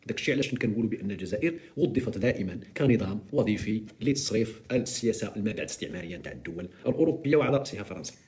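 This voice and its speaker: A man with a Moroccan accent hosting a live stream, giving sarcastic, mocking political commentary in an animated way. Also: lowish voice.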